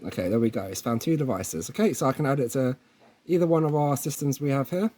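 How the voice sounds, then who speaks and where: A man who makes installation tutorial videos moves at a quick pace, his medium-pitched voice carrying a darkish tone. The hands-on tech lesson is relaxed and informal, with frequent check-ins with the viewer.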